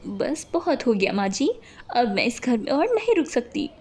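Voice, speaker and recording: Cartoon daughter-in-law, aggrieved and emotional; woman performer, raised pitch. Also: big pitch swings, moderate pace, darkish tone. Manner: complaining, raised and upset.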